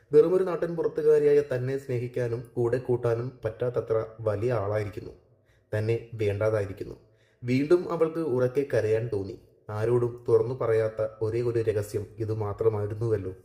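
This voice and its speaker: In an echoey room, a man with a medium-pitched voice reads a romantic short story aloud. His narration is steady and measured.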